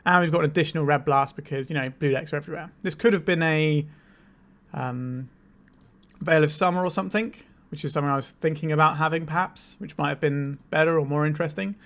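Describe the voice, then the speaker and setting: A channel host talks through a card game fast and in a relaxed, explanatory manner, reasoning aloud as he plays. His voice is slightly higher than usual, and he's got a cold that leaves him sounding a little tired.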